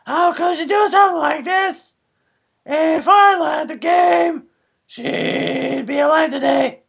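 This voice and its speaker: A woman voicing a melodramatic teenage girl in a comic dramatic reading, often shouting. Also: high voice, slow pace, vocal fry, full character voice. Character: overwrought teen girl gamer, melodramatic.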